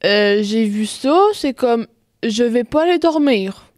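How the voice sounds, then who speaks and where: Young Québécoise co-host, slightly high voice, halting storyteller, dry mic. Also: female voice, lively intonation, a little mellow, no room sound. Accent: Québécois French. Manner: hesitant, many restarts, laughs easily. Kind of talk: casual chat.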